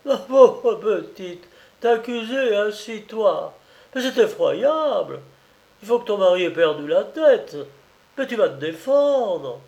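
A man's voice: high voice, expressive, slow, creaky, a little mellow, dull audio, pitched above the performer's own voice, heavily acted. A man voicing an anxious aristocratic mother who exclaims in distress over her daughter. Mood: distraught. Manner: emotional, exclaiming.

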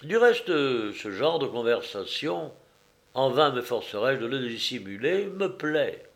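A man reading a novel aloud as narrator, measured and precise. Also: mid-range voice, sing-song.

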